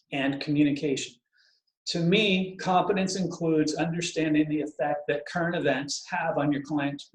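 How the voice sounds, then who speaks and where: A chatty man talks through an ethics presentation from his home garage. His voice sits a bit high for a man. The bare room adds a strong echo, and he wanders off on easy digressions. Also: a little mellow. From Vermont. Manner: chatty, digressive, says he tends to ramble. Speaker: bar counsel giving an ethics presentation. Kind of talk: casual spoken presentation. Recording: echoey garage.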